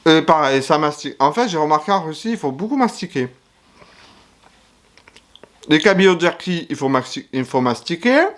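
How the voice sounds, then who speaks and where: A man's voice: fairly high pitch, animated, moderate pace, pauses often, a bit bright. A man giving casual food-tasting commentary to camera, chatty and frank, sometimes talking while chewing. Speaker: YouTuber tasting foreign food.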